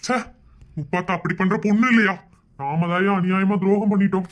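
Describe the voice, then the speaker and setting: A man's voice: sits high, brisk, lightly acted. A man voicing a melodramatic, self-pitying husband. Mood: lamenting. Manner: mournful, melodramatic lamenting. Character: sentimental, melodramatic married man lamenting his betrayal. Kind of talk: animated comedy voice acting.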